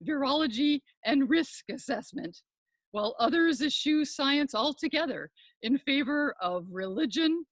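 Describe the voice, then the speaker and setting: Her pitch sits high and her intonation is lively as this older woman performs a scripted comic monologue, playing a pompous professor and podcast host in a florid, deliberate academic style. There's no echo.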